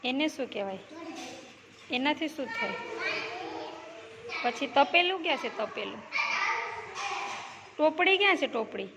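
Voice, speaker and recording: A woman teaching preschoolers, coaxing them with repeated questions and quick praise. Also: high voice, lively intonation. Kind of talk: classroom questioning of small children. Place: village preschool classroom. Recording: noisy classroom recording.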